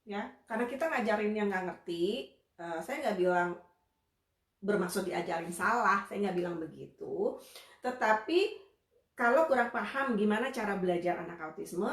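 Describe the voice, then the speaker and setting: A woman's voice: mid-range voice, fairly bright tone. A woman behavior analyst giving a casual, conversational live lesson to parents, chatty and full of tag phrases. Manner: chatty, conversational, often tags phrases with "gitu ya". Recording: echoey room livestream audio.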